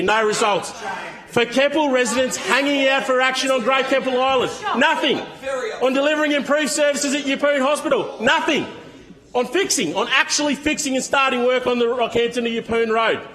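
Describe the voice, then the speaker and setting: An opposition member of parliament with an Australian accent gives a combative, forceful speech in the parliament chamber. His voice is high and fairly bright, and he leans on repetition to drive his points home.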